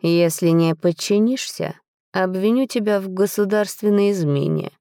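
A woman voicing a cold, domineering male dragon who is a royal husband, speaking slowly and drawing out his words. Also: mid-range voice, warm tone, no room sound, studio quality, lightly acted. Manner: slow, drawn-out, commanding.

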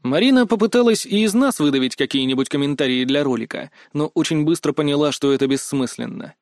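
A man reads a first-person fantasy novel in a steady, faintly wry storytelling voice. His pitch sits somewhat high for a man, and the recording is dry, close and free of room echo. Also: fast. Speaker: audiobook narrator.

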